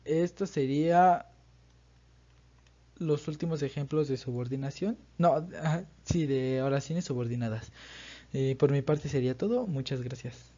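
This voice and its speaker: A man, a student, quickly and briefly closing his part of a class presentation. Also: mid-range voice, warm tone, dull audio.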